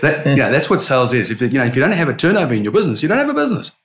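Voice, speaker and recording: A middle-aged man, a sales consultant, answering interview questions in an animated storytelling manner with frequent restarts. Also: medium pitch, rapid-fire. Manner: animated storyteller, repeats words when starting.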